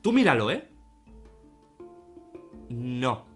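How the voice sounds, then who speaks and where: A woman's voice: rumbling low, sing-song, extremely slow, husky, faint music behind, voice pushed down, heavily acted. A woman voicing an eager young man who insistently coaxes a friend to watch something. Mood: coaxing.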